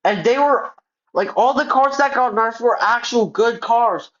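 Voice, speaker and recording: A man's voice: extremely high pitch, measured pace, fairly bright tone. A man, a gaming YouTuber, ranting in casual commentary, frustrated, filling his talk with "like" and stumbling over words as he restarts them. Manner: frustrated, heavy on filler words. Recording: muffled lo-fi audio.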